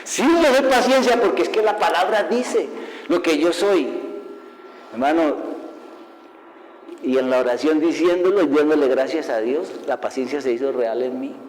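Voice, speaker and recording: A man preaching a sermon as an evangelist, lively and full of rhetorical questions, laughing at his own stories. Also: fairly high pitch, normal speed, pauses often. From Colombia. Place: church hall. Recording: long hall reverb.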